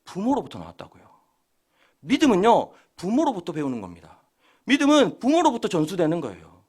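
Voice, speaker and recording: Male pastor, high voice, quick and animated, dramatizes quotes in a sermon. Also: breathy edge. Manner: lively, acts out quoted prayers and boasts.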